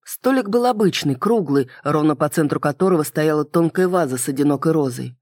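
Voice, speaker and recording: An audiobook reader giving calm first-person fantasy narration. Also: mid-range voice, a little fast, no room sound, clean studio sound.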